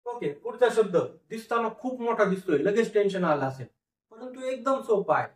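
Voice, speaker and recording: High-voiced teacher in an echoey room. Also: male voice, lively intonation, distant mic. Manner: slow, repetitive syllable-by-syllable sounding out. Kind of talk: phonics lecture, sounding out words.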